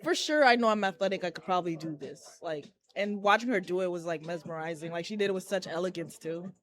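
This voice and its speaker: Her voice sits on the low side and runs fast as this young woman from Haiti, a pro wrestler, chats as an interview guest. Candid and quick to laugh, she's speaking inside a collectibles shop in a casual interview.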